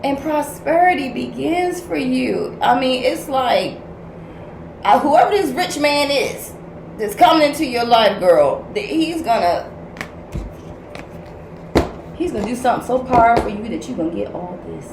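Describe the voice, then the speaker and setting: A woman's voice: high voice, lively intonation, a little slow, vocal fry, pauses often. An older woman, a grandmother and spiritual counselor, giving a tarot message reading in a blunt, profane, tough-love preaching manner. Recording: echoey room with noise.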